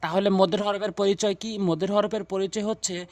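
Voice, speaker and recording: A man teaching Quran reading, explaining letter sounds and repeating syllable drills at a measured pace. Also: high voice, fairly even intonation, gravelly, darkish tone, no room sound.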